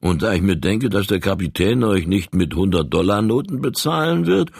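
Sly traveller with a raised, coaxing voice, husky underneath, performed by a man. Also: sits low, expressive, normal speed, darkish tone, dry recording, clean studio sound, voice pushed up, heavily acted. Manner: coaxing, smooth-talking. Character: scheming grown male traveller, persuasive.

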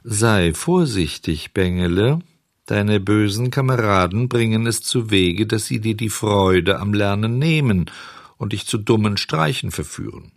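A man's voice: on the low side, expressive, unhurried, dry recording, studio quality. A man voicing a wise, motherly fairy who admonishes earnestly, in an audiobook reading. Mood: gentle warning.

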